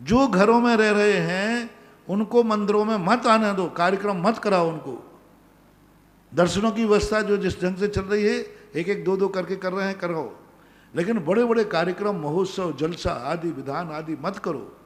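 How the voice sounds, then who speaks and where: A man's voice: sits high, moderate pace, big-room sound. A male Jain monk giving a sermon, emphatic, repeating his commands to the devotees. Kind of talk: sermon answering devotees' questions. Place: large pandal, nearly empty.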